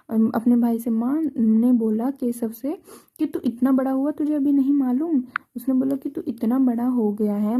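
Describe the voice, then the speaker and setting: A woman teacher with a Hindi accent goes through a textbook chapter line by line. Her voice sits a little high but is very dark and mellow. She pauses, restarts and checks in with the class as she explains. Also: slightly rough. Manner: retells each line then explains it, many restarts and "ठीक है". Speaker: school teacher.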